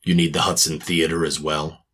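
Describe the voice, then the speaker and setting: A man's voice: very deep voice, flat delivery, normal speed, fairly bright tone. A man playing a cynical hard-boiled private detective, narrating and talking in a clipped, sardonic tough-guy manner in a noir radio drama.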